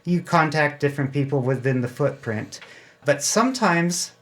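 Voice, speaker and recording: Interviewed as a member of an amateur radio club, this American man speaks a little high with lively intonation at normal speed. He explains things in a relaxed, down-to-earth way, sprinkled with anecdotes.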